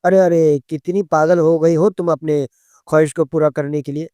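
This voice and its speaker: A man voicing an impatient young husband who scolds in a hurried, hushed way within a story reading. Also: on the high side, fairly even intonation, smooth, no echo, lightly acted. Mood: scolding.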